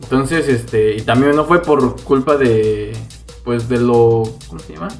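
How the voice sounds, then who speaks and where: A man with a Mexican accent chatting casually on a podcast, often halting to search for words. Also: medium pitch, soft background music. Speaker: podcast co-host.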